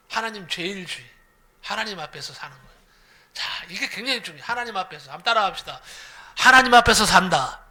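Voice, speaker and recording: Male pastor, high voice, storytelling sermon, repeats key phrases. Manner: lively, repeats phrases, asks the congregation questions.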